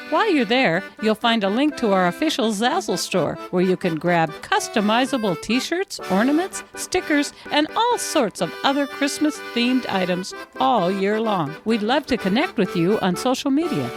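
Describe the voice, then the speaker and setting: A woman reading the credits and announcements of a podcast in a clear, friendly way. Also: on the high side, big pitch swings, moderate pace, few pauses, music in the background. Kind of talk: scripted announcement.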